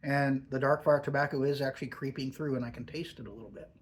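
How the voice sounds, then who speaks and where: A man's voice: mid-range voice, fairly even intonation, quick pace, a little hiss or hum. A man giving a casual, off-the-cuff product review with a lip full of dip pouches, savouring and stressing his words as he goes.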